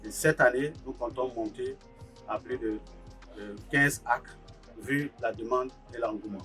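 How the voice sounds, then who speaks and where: The man's voice is medium in pitch, unhurried, and pushed and bright. Recorded from a somewhat distant mic with faint music beneath, this Burkina Faso agricultural technician and farm co-founder gives a hesitant interview testimony, peppered with filler sounds.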